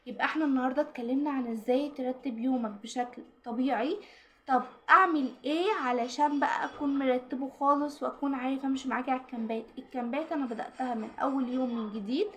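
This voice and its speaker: Fast, high-voiced Egyptian woman giving study advice. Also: a little hiss or hum. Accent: Egyptian Arabic. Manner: direct, coaching, talks straight to the viewer. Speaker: study-tips vlogger. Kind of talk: casual advice talk to the camera.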